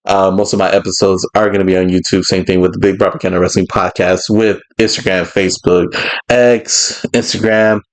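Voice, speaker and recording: Low-voiced man hosting a casual chat. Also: flat delivery, fairly quick, poor audio. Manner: rambling, laughs often. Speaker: podcast host.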